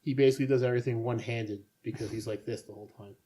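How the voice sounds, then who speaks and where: A man co-hosts a casual podcast chat, rambling along with sardonic asides. His medium-pitched voice stays steady in tone while he races through his words, and crowd noise can be heard in the background.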